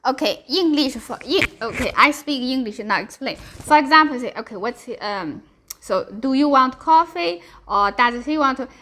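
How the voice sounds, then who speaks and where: A woman's voice: high-pitched, animated, moderate pace, noisy background. A woman with a Chinese accent, a native Mandarin speaker, teaching a beginner language lesson in simple, clipped English with short phrases and check questions. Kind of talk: live beginner language lesson, explaining with examples.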